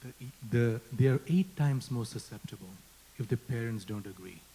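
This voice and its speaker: A man's voice: mid-range voice, moderate pace, warm tone, a little hiss or hum, rough recording. A man with an Indian accent moderating a panel discussion, earnest and often tagging "right?" onto his points. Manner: earnest, asks rhetorical questions with "right?".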